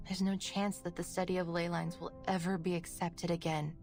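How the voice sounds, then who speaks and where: A woman's voice: on the low side, flat delivery, moderate pace, a little mellow, soft background music, close to an everyday voice. An actress playing a weary, driven woman researcher in a video game, brooding earnestly as if talking to herself. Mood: weary, resigned. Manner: earnest, brooding, sighing soliloquy.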